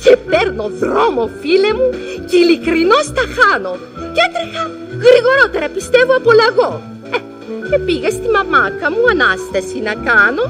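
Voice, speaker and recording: A chatty comic housewife. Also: female voice, extremely high pitch, wildly swooping pitch, over music, heavily acted. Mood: breathless. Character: chatty middle-aged Athenian housewife, comic. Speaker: singing comic storyteller. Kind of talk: old-time comic revue with songs.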